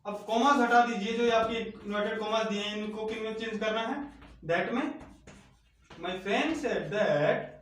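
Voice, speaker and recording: A man with a Hindi accent teaching English grammar step by step, repeating key words slowly and asking questions of his students. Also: high-pitched, level tone, a bit bright, distant mic. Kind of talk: slow step-by-step online lesson. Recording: echoey room, off-mic, faint noise.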